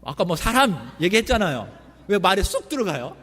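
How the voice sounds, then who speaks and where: A man's voice: high-pitched, very animated, fairly quick, fairly bright tone, slightly rough. A male pastor preaching a sermon, often asking the congregation questions. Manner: asks the congregation many questions. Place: church sanctuary. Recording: long reverb of a church hall.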